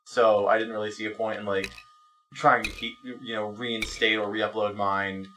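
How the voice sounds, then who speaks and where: Bright and forceful yet flat in delivery, a man with a low-side voice speaks at normal speed while playing a video game. The rough, distant recording has slight background noise and music behind it as he rambles profanely, self-deprecates and exclaims at the game mid-sentence.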